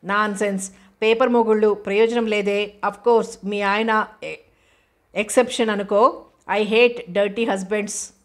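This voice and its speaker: A woman reading the part of a chatty, teasing young woman lecturer who banters quickly and drops in English phrases, in an even, flat delivery. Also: mid-range voice, close to an everyday voice.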